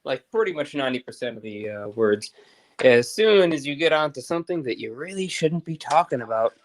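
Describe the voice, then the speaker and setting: A man joining a casual livestream as a guest, joking with halting restarts. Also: mid-range voice, lively intonation.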